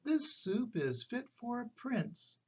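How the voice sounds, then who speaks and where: A man's voice: very high voice, very animated, slow, breathy edge, pitched above the performer's own voice, heavily acted. An older man with a grandpa storyteller voice voicing a stingy, curious, easily amazed little old lady in a children's picture book. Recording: slightly dull, lo-fi recording.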